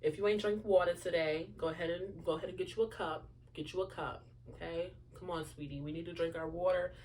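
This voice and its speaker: Chatty young woman with low voice. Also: fairly even intonation, brisk, darkish tone, a little hiss or hum. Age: young adult. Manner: chatty, lots of fillers and asides to listeners. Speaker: podcast host. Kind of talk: casual solo chat.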